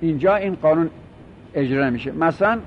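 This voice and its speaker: A man with a fairly high voice teaches a grammar lesson at an unhurried, patient pace. He repeats and drills example words as he walks through each rule. The recording sounds dull and lo-fi, with a faint rumble underneath. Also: lively intonation.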